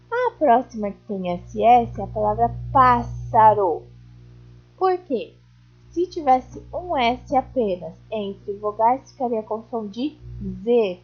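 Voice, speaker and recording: A woman's voice: on the high side, breathy edge. A woman teaching a recorded class to young children, patient and step by step, checking in often with her pupils. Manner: patient, explaining step by step with frequent check-ins. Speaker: primary school teacher. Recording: dull lo-fi home recording.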